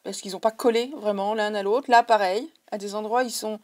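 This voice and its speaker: A woman's voice: medium pitch, fairly even intonation, brisk. Chatty French woman crafter. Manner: chatty, digressive, addressing viewers directly. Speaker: craft vlogger. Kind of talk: casual haul video.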